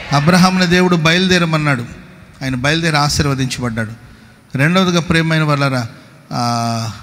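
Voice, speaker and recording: Fervent male pastor with a fairly high voice, preaching in a church hall with long reverb. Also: fairly bright tone. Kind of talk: sermon. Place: church worship service.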